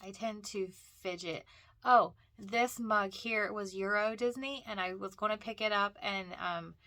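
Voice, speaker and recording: In an unhurried, medium-pitched voice with a sharp tone, a woman talks through a thrift store visit while stuffed up from a cold. The chatter is casual and meandering, with frequent fillers and restarts, and there's no echo.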